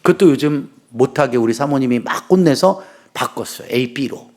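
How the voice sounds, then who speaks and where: A man's voice: mid-range voice, normal speed. A middle-aged man, a pastor, preaching a sermon in church, telling funny stories and acting out quoted dialogue. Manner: lively storytelling with humor, acting out quoted dialogue. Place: church sanctuary.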